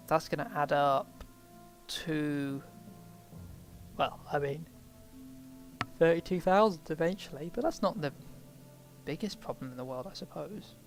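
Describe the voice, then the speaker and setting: A man with a slightly high voice talks casually through a let's play, rambling and thinking aloud as he decides his next move. Faint game music plays softly behind him. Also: measured pace, long pauses. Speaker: game streamer.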